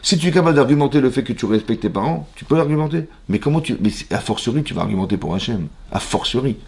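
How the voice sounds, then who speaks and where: A man with a French accent, a rabbi teaching a Torah lesson in a synagogue, lively, asking the audience questions and acting out little dialogues. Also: medium pitch, fast, vocal fry.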